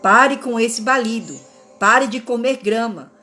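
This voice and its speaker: A stern, majestic lion master from a storybook fable, read by a woman, giving curt commands. The voice sits fairly high. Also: a little slow, sharp tone, soft background music. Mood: scolding.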